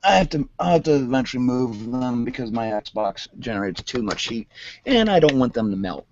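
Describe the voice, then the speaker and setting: Man, monotone, casual unboxing vlogger, rambles with fillers, dull lo-fi sound. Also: mid-range voice, normal speed. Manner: rambling, many fillers, calls own voice monotone.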